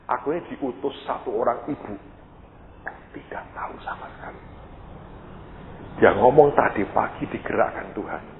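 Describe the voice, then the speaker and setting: A man preaching a storytelling sermon as a pastor, acting out dialogue with sudden high outbursts. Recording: echoey hall, tinny lo-fi sound with faint noise.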